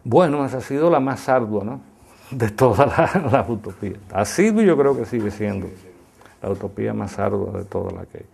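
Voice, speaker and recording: Gravelly, mellow man explaining deliberately. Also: lowish voice, expressive. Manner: deliberate, didactic, with emphatic stresses and pauses. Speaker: academic expert being interviewed. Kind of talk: extended analytical interview answer.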